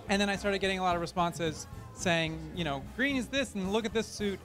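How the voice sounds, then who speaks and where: A man's voice: sits high, fairly bright tone. A man who performs cabaret, chatting casually and playfully in an interview. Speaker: award-winning cabaret performer.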